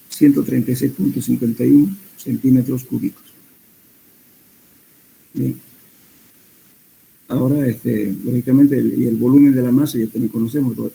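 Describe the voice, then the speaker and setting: Un hombre que da una clase de mecánica de suelos, explicando cálculos paso a paso con muletillas y correcciones. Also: male voice, medium pitch, creaky, slightly rough, rough recording. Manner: steady explanatory teaching with hesitant fillers and self-corrections. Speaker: soil mechanics lecturer. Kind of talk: classroom lecture.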